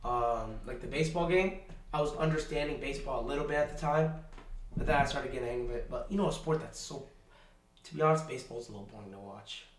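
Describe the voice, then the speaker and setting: A man's voice: mid-range voice, fast, recorded from a distance, slight background noise. A teenage boy co-hosting a casual podcast, rambling with lots of fillers and saying "bro" often. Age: teens. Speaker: podcast co-host. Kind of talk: casual chat. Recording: roomy echo, off-mic.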